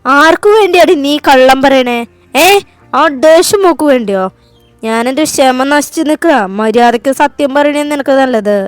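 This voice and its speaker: Storybook reading: raging young cop, loud and threatening, voiced by a woman with a high pitch. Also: moderate pace, dry recording, soft background music, natural voice. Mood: enraged. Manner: shouting, threatening. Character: furious hot-tempered young man, a police officer.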